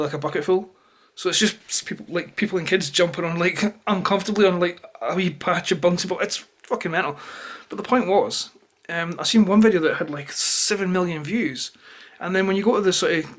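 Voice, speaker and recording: A Scottish man talks straight to camera in a notably high voice for a male speaker. He rambles through an unplanned, opinionated rant, sounding irritated and swearing freely as he goes. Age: adult, parent of a toddler. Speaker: YouTuber. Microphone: camera held or placed close to him.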